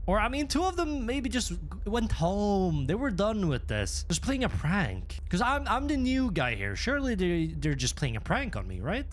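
Lively, joking man playing a horror game. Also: high voice, a little hiss or hum. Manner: jokey, animated reactions with nervous laughter. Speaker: gaming YouTuber. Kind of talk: horror game playthrough commentary.

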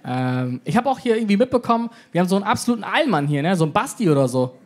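A man's voice: high-pitched, sing-song, rapid-fire, background noise. A man in his twenties doing a stand-up set on a club stage, brash and slangy, acting out the voices he quotes. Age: 20s. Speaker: stand-up comedian. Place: comedy club stage with live audience.

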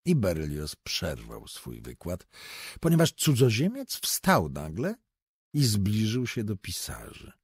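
A man narrating a literary audiobook in an expressive, deliberate storytelling manner, recorded close to the microphone. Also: fairly low pitch, breathy edge, dry recording.

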